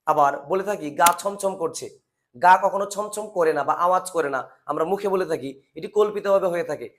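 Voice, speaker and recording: A man's voice: high voice, fairly quick, fairly bright tone. A man teaching a grammar lesson, asking rhetorical questions and answering them himself.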